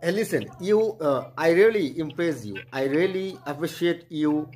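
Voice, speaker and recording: A man, practicing English in a halting, flattering way on a video call. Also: fairly high pitch. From Bangladesh. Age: 20s. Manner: halting, repeats okay, flattering. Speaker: channel host practicing English. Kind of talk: casual chat.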